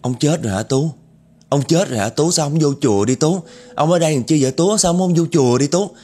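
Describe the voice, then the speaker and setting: A man's voice: a little high, expressive, fairly quick, a little mellow, slightly rough, soft background music, pitched above the performer's own voice. A man playing an agitated young man firing questions in a dream. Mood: alarmed. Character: frightened then angry young man in a dream.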